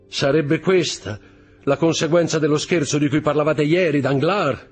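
A man voicing a coarse, fearful male crony with a raised, raspy, agitated voice in a storybook reading. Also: on the high side, steady tone, moderate pace, faint music behind, pitched above the performer's own voice. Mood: indignant. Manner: pleading, agitated.

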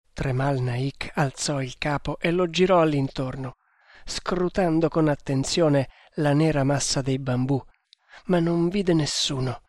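A man reading an adventure novel aloud as an audiobook narrator, in a measured, suspenseful manner. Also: mid-range voice, no echo, studio quality.

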